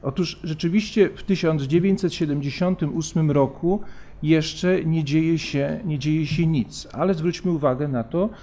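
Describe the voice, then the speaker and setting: Middle-aged male lecturer, fairly high voice, halting delivery with fillers, lectern mic in a big hall. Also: mellow. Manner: measured, hesitant with frequent fillers and restarts. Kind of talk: academic conference lecture. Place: large conference hall, at a lectern. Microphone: lectern microphone.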